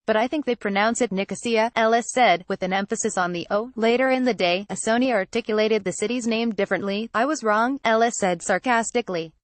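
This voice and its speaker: Woman giving a steady scripted news read, dry. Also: on the high side, fast, hardly any pauses, no echo. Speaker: news narrator.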